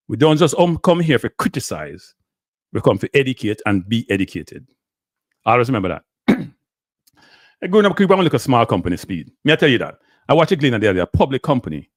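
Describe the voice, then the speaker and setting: A man's voice: medium pitch, sing-song, fairly quick, no echo, clean studio sound. A middle-aged man with a Jamaican accent hosting a live stream, lecturing viewers and answering chat, slipping in and out of patois. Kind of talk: ranting live stream commentary.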